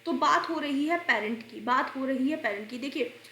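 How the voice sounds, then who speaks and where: High bright woman teaching grammar. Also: reverberant, slight background noise. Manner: explains slowly, repeats answers, asks and answers own questions. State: unwell, coughing and clearing throat. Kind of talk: exam-prep grammar lesson.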